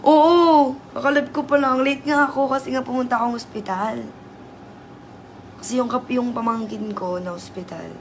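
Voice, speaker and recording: Hoarse woman, livestream host, chatty, teasing, faint background hiss. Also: fairly high pitch, fairly even intonation, normal speed. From Southern Leyte, Philippines. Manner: chatty, teasing, laughs often. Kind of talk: casual live chat greeting viewers.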